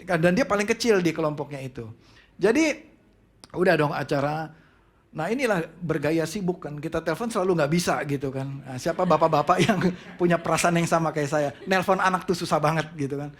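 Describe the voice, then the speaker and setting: A middle-aged man preaching a sermon, telling a personal story in an animated way and mixing in English phrases. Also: fairly high pitch, a little fast. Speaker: pastor.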